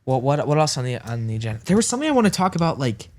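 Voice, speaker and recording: A man's voice: mid-range voice, big pitch swings, rapid-fire, a little mellow. A man in his early twenties co-hosting a podcast, chatting in a rambling, laid-back way with lots of filler words. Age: early 20s. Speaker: podcast co-host. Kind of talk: casual chat.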